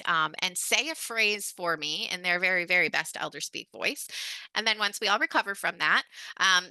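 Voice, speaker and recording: A woman trainer running a webinar over a video call, with a very bright, forward tone and a dry, close sound. Her delivery is casual and chatty, full of "um"s and "like"s. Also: on the low side, clean tone, no room sound. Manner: chatty and informal, heavy on fillers like "um" and "like". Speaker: communication skills trainer.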